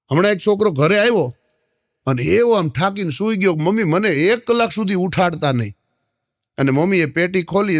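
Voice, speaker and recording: A man telling folksy stand-up jokes, acting out both sides of each dialogue. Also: fairly high pitch. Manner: folksy storytelling, addresses the audience as sahib, acts out both sides of dialogues. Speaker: stand-up comedian. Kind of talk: Gujarati stand-up joke telling.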